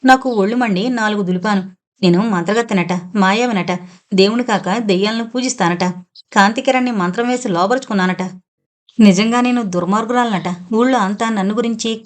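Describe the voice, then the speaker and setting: A woman reading a novel aloud as an audiobook narrator, voicing every character in her own voice. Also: mid-range voice.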